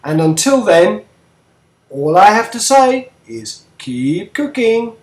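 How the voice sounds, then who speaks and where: A man's voice: sits high, very animated, slow, darkish tone, exaggerated voice. A man playing a cheerful rat-man cook hosting a homemade cartoon cooking show, all chatty patter. His voice swoops up and down with great animation, heard in an echoey room. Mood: chirpy. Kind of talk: amateur brick-film voice acting.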